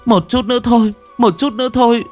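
A man's voice: animated, normal speed, faint music behind, natural voice. A man voicing a frightened young bride who pleads tearfully with her grandmother. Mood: tearful pleading. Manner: pleading, tearful, raised pitch.

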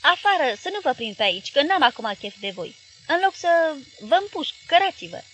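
A woman reading the lines of a powerful middle-aged male newspaper magnate, voicing him with gruff, explosive outbursts in an audiobook. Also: animated. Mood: furious. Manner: booming, explosive shouts.

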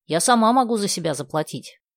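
A woman's voice: mid-range voice, animated, brisk, no room sound, studio quality, pitched above the performer's own voice, lightly acted. A woman reading aloud the lines of a sensible, well-mannered teenage girl with a slightly prim manner.

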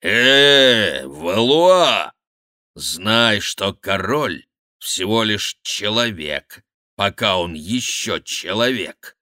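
A man's voice: lowish voice, big pitch swings, drawn-out words, pushed and bright, no echo, clean studio sound, exaggerated voice. A man voicing a fat, brazen monk who bellows and mocks, preaching with scorn in an audiobook reading. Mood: scornful.

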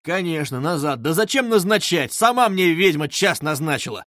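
A man's voice: fairly high pitch, very animated, normal speed, a bit bright, dry recording, studio quality. A man reading aloud, voicing an impatient grown man who grumbles and curses bluntly. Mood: grumbling, impatient. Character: gruff impatient grown man knocking at a door.

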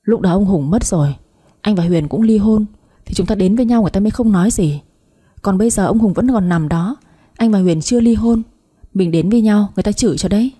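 A cautious young man in a spoken story, scolding in a hushed, irritable way, as a woman narrator voices him. The tone is mellow and slightly breathy. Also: mid-range voice, a little fast, lightly acted.

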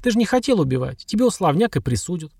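A male reader putting on a blunt young nurse who grew up on the streets. Her voice sits higher than his own and swings lively through each line, with a gravelly edge. She talks in coarse slang and laughs things off dryly. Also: quick pace, no echo, studio quality, exaggerated voice. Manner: coarse slangy speech, wry chuckles. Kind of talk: audiobook dialogue.

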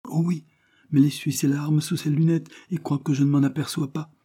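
Audiobook: a man playing a sickly child, pensive and plaintive, pitched high. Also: level tone, a little fast, mellow, slightly rough. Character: sickly little boy, pensive.

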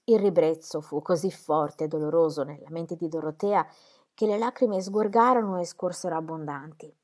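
A woman narrating a novel aloud in a measured, subdued way. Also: deep voice, darkish tone. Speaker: audiobook reader.

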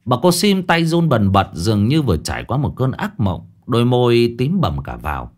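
A man's voice: mid-range voice, wildly swooping pitch, normal speed, darkish tone. A man narrating a ghost story in a dramatic storytelling manner.

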